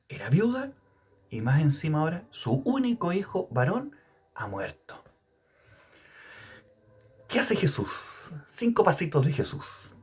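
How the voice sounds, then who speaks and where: A man's voice: on the high side, husky. A man preaching a Gospel reflection. He asks his listeners questions and stretches out the words he wants to stress. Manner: expressive, questioning, drawn-out emphasis. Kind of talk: sermon-style Gospel reflection.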